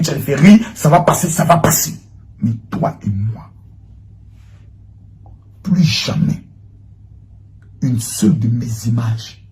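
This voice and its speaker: A man giving an impassioned, accusatory monologue, swinging between loud outbursts and hushed lines. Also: medium pitch. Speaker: public figure answering a former protégée.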